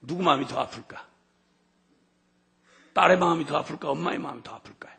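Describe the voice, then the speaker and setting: A middle-aged man preaching a sermon with passion, his voice swinging from hushed to shouting. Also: fairly high pitch, brisk, creaky, husky. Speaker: missionary preacher.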